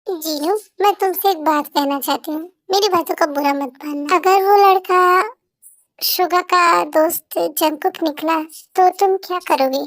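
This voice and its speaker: A woman's voice: very high-pitched, unhurried, no room sound, studio quality. A woman voicing a doubtful, prying middle-aged friend who keeps asking questions, in an amateur audio drama dub. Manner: probing, questioning.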